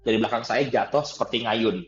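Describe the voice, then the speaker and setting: A man telling a personal story in conversation, animated, laughing often and acting out the dialogue. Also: medium pitch, quick pace, dull audio, slight background noise. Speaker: guest trainer.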